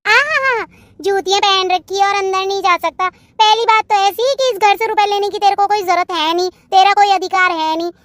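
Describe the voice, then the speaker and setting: A sharp-tongued young daughter-in-law in a cartoon, voiced by a woman, shooting back scolding retorts in a very high, piping voice. The sound is dry and close, with no room around it. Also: moderate pace, no echo. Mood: defiant.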